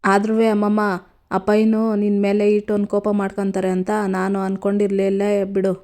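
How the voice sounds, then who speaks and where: A guilt-ridden young village man, as a woman reads him who pleads with his grandmother in a flat, mellow tone. His speech is earnest and apologetic. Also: mid-range voice, a little fast, lightly acted. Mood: remorseful.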